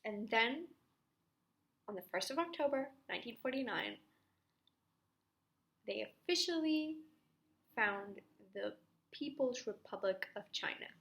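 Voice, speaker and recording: A woman's voice: fairly high pitch, animated, unhurried, pauses often, fairly bright tone. Chatty young woman explaining history. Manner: chatty, self-mocking asides, whispers now and then. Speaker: student revising history. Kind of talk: casual study-video explanation.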